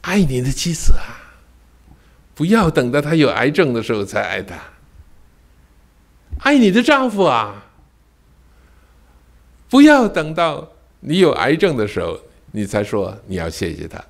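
An older man preaching a sermon as a pastor, telling a personal story with sudden swings between loud cries and hushed near-whispers, and tossing rhetorical questions to the congregation. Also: medium pitch, very animated, measured pace, creaky, pauses often.

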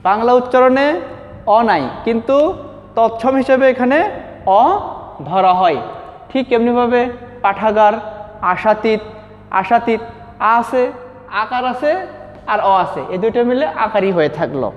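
A man teaching a lesson from slides, asking questions and answering them himself and repeating key words slowly. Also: very high voice. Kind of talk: classroom lesson over slides. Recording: dull reverberant recording.

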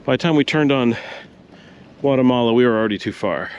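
A man's voice: mid-range voice, fairly quick, dull audio, a little hiss or hum. A man giving casual commentary on a walking tour through city streets, pointing out shops as he walks. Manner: chatty, pointing things out as he walks. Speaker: vlogger.

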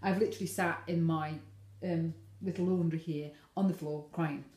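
Brief: woman, forties, co-host, low-ish voice, rapid and blunt, roomy echo. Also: fairly even intonation, darkish tone. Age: 40s. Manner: frank and emphatic, quick with restarts. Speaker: podcast co-host. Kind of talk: casual chat.

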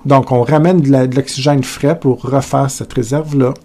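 A man's voice: mid-range voice, fairly even intonation, moderate pace, a little mellow. A male teacher with a Québécois accent explaining a lesson in a conversational way, speaking to students directly and asking questions aloud. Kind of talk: recorded lecture video.

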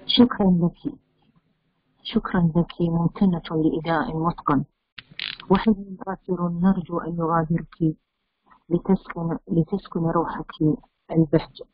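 A woman's voice: on the low side, fairly even intonation, unhurried, long pauses, husky, no room sound. A woman hosting a literary competition, thanking a reader and introducing the next one in poetic, gracious phrasing. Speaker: competition host. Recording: dry, dull lo-fi audio.

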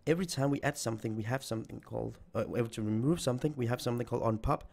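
A man talks rapid-fire through a screen-recorded coding tutorial, thinking out loud as he types. He's a programming tutor on the verge of losing his voice, which is medium-pitched, creaky and a little mellow.

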